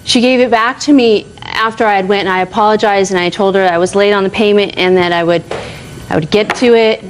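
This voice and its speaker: A woman's voice: medium pitch, steady tone, fairly quick, poor audio. A woman defendant defensively explaining herself in TV court testimony.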